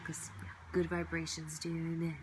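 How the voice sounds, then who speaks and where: A woman's voice: low-pitched, monotone, normal speed, background noise. A woman hosting her own podcast from home, talking in a casual, reflective monologue that turns to heated venting, swearing freely. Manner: reflective, drifting between soft musing and heated venting. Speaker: podcast host.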